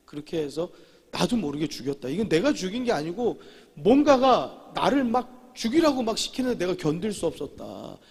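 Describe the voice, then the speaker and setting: Korean pastor guy preaching hard, repeats himself a lot, husky gravelly voice, big echoey church. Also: high voice. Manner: emphatic preaching with repeated phrases and sudden loud declarations. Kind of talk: sermon. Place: church sanctuary. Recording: long reverb of a church hall.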